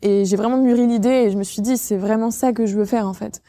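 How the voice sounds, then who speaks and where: Higher-pitched young woman, mellow and hesitant. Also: steady tone. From Normandy, France. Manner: hesitant, many fillers, quick laughs. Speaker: interviewed regional beauty queen. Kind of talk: casual interview answers.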